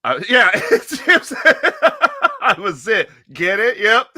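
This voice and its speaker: A male podcast host telling a rowdy story in an animated way, laughing often and swearing freely. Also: high-pitched, slow.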